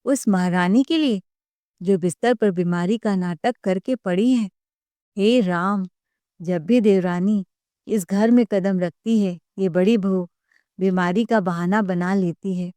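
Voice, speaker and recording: A woman's voice: mid-range voice, slow pace, warm tone, dry recording, close to an everyday voice. A woman doing a furious scolding mother-in-law. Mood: angry scolding. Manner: scolding, accusing. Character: stern angry older mother-in-law.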